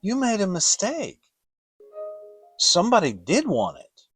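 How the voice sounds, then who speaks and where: Man voicing Pooh, a humble, slow, dreamy bear. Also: high voice, huge pitch swings, fairly bright tone, husky, no echo, faint music behind, voice pushed up, full character voice. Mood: solemn, sad. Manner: plaintive, hesitant. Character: humble, slow-witted, gentle, dreamy male toy bear.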